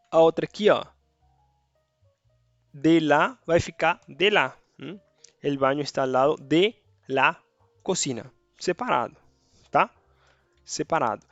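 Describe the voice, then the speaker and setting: A man with a slightly high voice runs a casual online Spanish grammar class; Spanish is his first language. Chatty, he keeps checking in with his audience through "tá" and "beleza." There's no room sound, and the highs are cut off.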